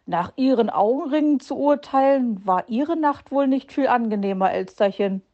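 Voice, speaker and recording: A woman's voice: a little high, animated, moderate pace, mellow, dull audio, voice pushed up, lightly acted. A woman voicing a tired, irritable male fox who answers with dry retorts, in a storybook reading.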